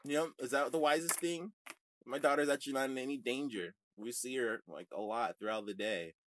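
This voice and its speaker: A man hosting a religious online show, ranting to his viewers in a combative way that swings from shouting to muttering. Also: mid-range voice, fairly quick, slight background noise. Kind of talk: heated livestream rant to viewers.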